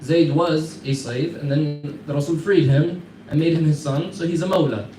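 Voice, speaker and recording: American male teacher, casual storyteller who quizzes the class, slightly high voice, recorded from a distance. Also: normal speed, mellow, soft background music. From United States. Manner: conversational, quizzes listeners, chuckles through anecdotes. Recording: echoey room, mic far off, faint background hum.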